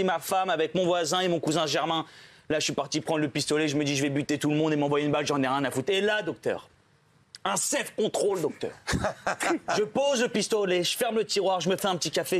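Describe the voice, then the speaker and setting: A young male comedian with a notably high voice works through a run of stand-up jokes. He acts out every character's lines himself, jumping his pitch up or down for each one as he tells the story. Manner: quick joke delivery, acts out characters' lines with shifting pitch. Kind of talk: stand-up joke telling.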